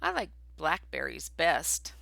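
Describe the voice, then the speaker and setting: A woman voicing a small, brave female mouse in a storybook, with a high, earnest, squeaky voice. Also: huge pitch swings, slow pace, vocal fry, bright, forceful tone, no echo, exaggerated voice.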